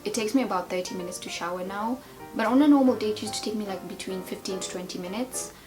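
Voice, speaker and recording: A woman's voice: mid-range voice, fast talker, music in the background. A woman in her twenties chatting casually in a tag video, rambling and playful as she answers questions. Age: 20s. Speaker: beauty and lifestyle vlogger.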